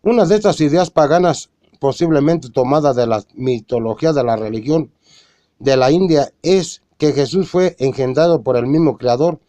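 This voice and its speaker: A man reading a religious argument aloud in a measured way, quoting scripture and citing chapter and verse. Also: on the high side, dark tone, no room sound. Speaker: religious lecturer.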